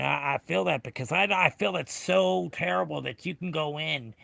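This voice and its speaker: A middle-aged American man with a raspy, gravelly whiskey voice, chatting casually and bluntly with livestream viewers in a rambling way. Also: on the high side, bright, forceful tone, dry recording. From United States. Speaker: livestream host.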